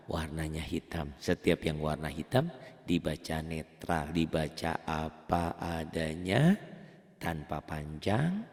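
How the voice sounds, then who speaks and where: Gravelly Indonesian man teaching recitation. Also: darkish tone, in a large hall. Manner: explains plainly, then chants Arabic examples slowly in a high voice; asks and answers his own questions. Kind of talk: beginner tajwid lesson.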